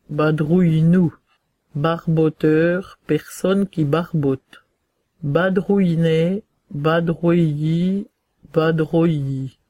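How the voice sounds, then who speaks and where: A man reading out entries of a dialect glossary, saying each word and its variants, then its meaning, in short measured phrases. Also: on the high side, dark tone, dry recording. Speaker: reader of a regional dialect glossary. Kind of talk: slow reading of dictionary entries.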